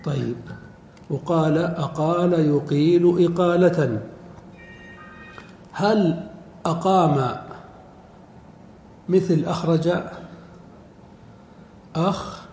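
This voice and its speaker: A middle-aged man teaching Arabic word forms in a classroom lecture, quizzing his students and repeating each form slowly. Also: on the high side, dark tone. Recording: echoey hall recording, faint background noise.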